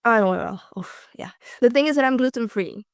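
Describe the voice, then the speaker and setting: A young Hungarian-speaking woman from Slovakia, in her twenties, chats briskly in a voice on the higher side. As a podcast interviewee she often says um and laughs lightly, recorded at studio quality with no echo.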